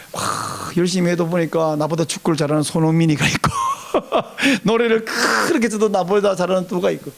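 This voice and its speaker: Pastor male, high-pitched, chatty preaching, rhetorical questions to the congregation. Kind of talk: sermon.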